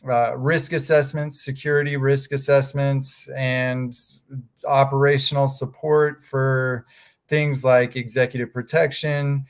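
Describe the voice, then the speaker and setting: Flat in delivery and a little slow, this medium-pitched voice comes from a man in his thirties from Texas. He's an interview guest who works for a fraud examiners association, speaking casually with plenty of fillers and restarts.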